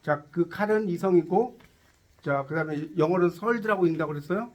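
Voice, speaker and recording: A man's voice: high voice, brisk, a little mellow. A man teaching a tarot lecture to a class, quizzing his students and cracking jokes as he explains. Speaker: tarot instructor.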